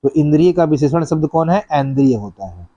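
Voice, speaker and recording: Hindi teacher with a dark, dry voice. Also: male voice, fairly high pitch, lively intonation, fairly quick, dry recording, lo-fi sound. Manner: explains step by step, repeats answers, asks the class "bhai". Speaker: exam coaching teacher. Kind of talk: exam-prep lesson going through practice questions.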